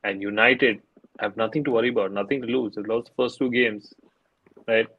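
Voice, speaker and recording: Lowish-voiced guy on a football podcast, insisting on his take. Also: steady tone, fairly quick, vocal fry, husky, narrow, tinny audio. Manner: insistent, argues his point. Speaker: podcast co-host. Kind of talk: casual chat.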